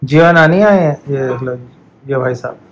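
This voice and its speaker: A woman's voice: extremely low pitch, normal speed, slight background noise, low-quality recording. A woman narrating a casual family vlog, chatting about pets and coaxing a toddler to repeat words. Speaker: vlogger, grandmother.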